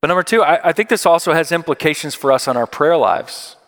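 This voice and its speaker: A man's voice: a little high, lively intonation, fast talker, a bit bright. Man preaching in a reverberant church. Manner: conversational, emphatic, repeats key phrases. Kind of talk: sermon. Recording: long hall reverb.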